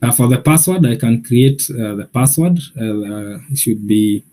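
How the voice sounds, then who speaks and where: A man giving a software training session, explaining each step patiently with many pauses and filler sounds. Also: mid-range voice. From Kenya.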